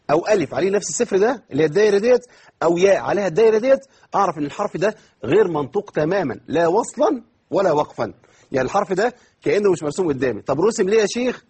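A man with an Egyptian accent teaching Quran recitation in an online lesson. He asks himself questions and answers them, and he stretches words out slowly to demonstrate. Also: high voice, expressive, darkish tone, husky. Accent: Egyptian Arabic.

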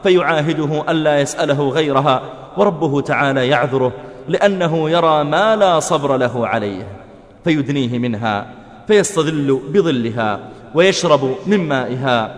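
A male preacher tells his story dramatically, acting out the voices within it. His voice sits somewhat high for a man. A long hall reverb surrounds every word. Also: normal speed. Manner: dramatic, voices the quoted speakers, chants verse. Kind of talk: sermon storytelling.

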